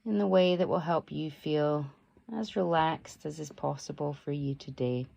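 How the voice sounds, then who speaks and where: Leading a guided meditation, this yoga nidra teacher speaks in a low, mellow, noticeably creaky voice. Her pace is slow and soothing, and her instructions stay gentle and permissive, never pushing.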